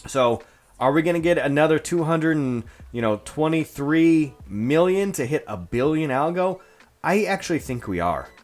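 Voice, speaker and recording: A man hosting a casual solo news vlog, chatty and excitable, with plenty of fillers and quick asides. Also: fairly high pitch. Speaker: crypto news host.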